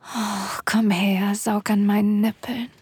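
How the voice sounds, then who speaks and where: A woman performing sensual ASMR role-play in a breathy, airy voice, speaking intimately and directly to the listener, close to the microphone. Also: medium pitch, flat delivery, slow pace, darkish tone. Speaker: erotic audio performer. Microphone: close microphone, dry sound.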